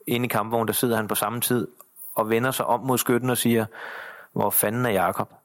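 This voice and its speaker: A middle-aged man telling a personal combat story in an interview, halting with many fillers and restarts. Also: medium pitch, little pitch movement. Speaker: interview guest, soldier. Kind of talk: personal war account in interview.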